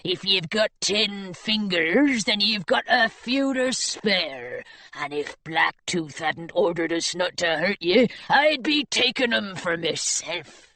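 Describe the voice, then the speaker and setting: Woman voicing a slow menacing gold-toothed pirate. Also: expressive, pushed and bright, heavily acted. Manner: slow, low, threatening drawl.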